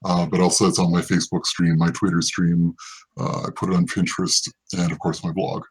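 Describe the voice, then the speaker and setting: A man's voice: low voice, flat delivery, brisk, slight background noise, poor audio. A man, a guest mapmaker, rambling and correcting himself as he answers. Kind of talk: interview answers.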